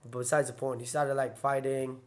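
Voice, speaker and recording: Talking a little fast in a medium-pitched, level voice, a young man tells the story of his early fighting days as an interview podcast guest. It's a casual, rambling account full of "like," with frequent self-corrections and side tangents.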